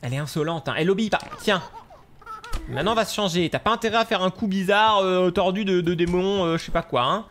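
A man giving excitable gameplay commentary, yelping and gasping at scares and scolding the game's baby. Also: sits high, fast, slight background noise. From France. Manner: animated, shouts and gasps at scares, scolds the game baby. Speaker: gaming youtuber.

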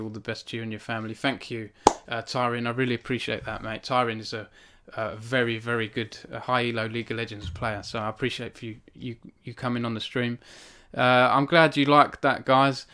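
Speaking into a stand-mounted studio microphone in a small home room, a man in his thirties hosts a live stream where he reads from his novel and then chats with his audience. His medium-pitched voice is smooth, bright and pushed. Once he starts chatting, he turns earnest and self-conscious, often restarting and using fillers.

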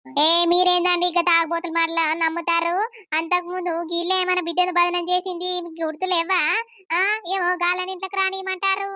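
A woman's voice: very high voice, flat delivery, fairly quick, bright, forceful tone, no echo. A woman voicing an anxious middle-aged village mother, pleading and questioning. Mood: suspicious.

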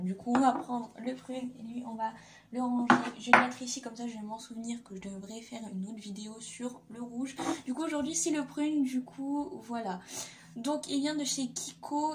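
A woman's voice: on the high side, background noise. A young woman casually reviewing nail polish in a vlog, hesitant and full of fillers and repeats. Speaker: beauty vlogger.

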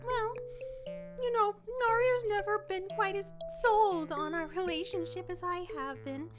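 A woman's voice: extremely high pitch, steady tone, unhurried. A woman playing a heartbroken young princess in a fan audio drama, girlish, sweet and whiny, with an emotional, stammering delivery. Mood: softened, grateful. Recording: music behind the voice.

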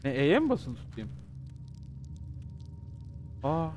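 A man's voice: a little high, slow, soft background music. A man streaming a horror game live, joking, swearing and chatting with his viewers as he plays. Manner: excitable, joking, swears freely, talks to chat. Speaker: gaming streamer. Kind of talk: live gameplay commentary.

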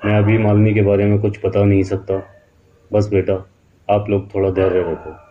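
A troubled middle-aged haveli owner who pleads earnestly with those around him, as a male narrator puts him on. He has a very deep, low voice, heard through a dull, lo-fi recording. This is a horror storybook reading. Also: level tone, normal speed, natural voice. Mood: dejected.

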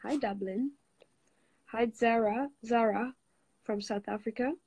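A young Swiss woman, Italian her first language, chats casually with viewers on a phone livestream from her bed, the phone at arm's length. She greets everyone, hops between languages and keeps things relaxed. Her voice is a little high and measured, captured in a low-quality recording with slight background noise.

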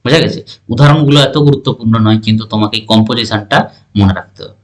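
A man's voice: lowish voice, rapid-fire. Man quizzing students in a science lesson. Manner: keeps asking the listener questions to check understanding. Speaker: teacher. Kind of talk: exam-prep science lesson.

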